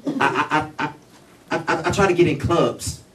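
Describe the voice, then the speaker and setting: A man's voice: fairly high pitch, steady tone, moderate pace, faint music behind, lightly acted. A man playing a flustered grown man mistaken for a boy in a comedy sketch on a small club stage, stammering as he talks. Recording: far camera, crowd loud behind.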